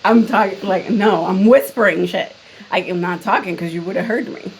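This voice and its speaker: A woman's voice: medium pitch, moderate pace, a little hiss or hum, low-quality recording. Chatty woman beauty vlogger. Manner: chatty, quotes relatives in playful voices. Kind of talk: casual chat.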